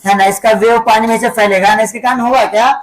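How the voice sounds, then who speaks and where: A woman with a slightly high voice teaches a school lesson. She explains in small steps and keeps pausing to fire repeat-back questions at the class, tagging nearly every sentence with a quick check-in. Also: fairly even intonation. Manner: tags sentences with "है ना" and "ठीक है बेटा".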